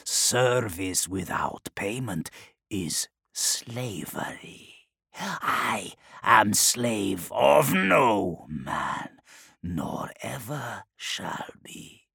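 A man reading an audiobook voices an ancient male demon who possesses a knight, speaking in slow, hissing, whispered threats with a gravelly, breathy sound. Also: lowish voice, very animated, sharp tone, dry recording, studio quality, exaggerated voice. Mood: haughty. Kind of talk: audiobook character voice.

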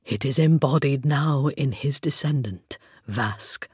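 A narrator voicing a solemn, devoted undead skeletal knight with a hollow, rasping voice and slow, grave, breathy whispers in an audiobook. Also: medium pitch, darkish tone, no room sound, studio quality. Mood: grave devotion. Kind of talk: audiobook character voice.

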